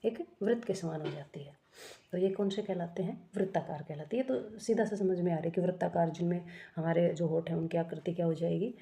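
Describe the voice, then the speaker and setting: Woman teacher going over grammar for exams, soft warm voice, keeps asking then answering her own questions. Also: on the low side, steady tone, brisk. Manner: corrects herself often mid-sentence. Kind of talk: exam-prep grammar lesson.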